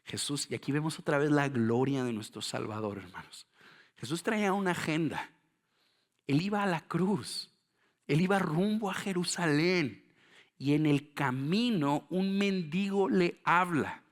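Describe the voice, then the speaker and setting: A middle-aged man preaching a sermon, moving between hushed slow phrases and loud, fervent calls, speaking straight to his congregation with rhetorical questions. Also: fairly high pitch. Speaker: pastor.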